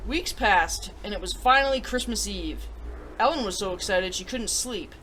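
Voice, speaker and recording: A woman with a mid-range, animated, slightly bright voice reads picture books aloud on a children's story-time show and reviews them upbeat, in a theatrical presenter's style. She talks at a moderate pace, and the low-quality recording has a little hiss or hum.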